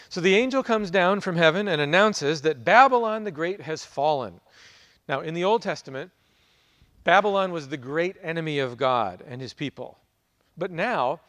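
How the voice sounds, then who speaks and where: A man preaching a sermon, reading scripture and then teaching from it in a plain, relaxed way. His voice sits a little high for a man. The sound is dry and close, with no room around it. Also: dry recording. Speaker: pastor.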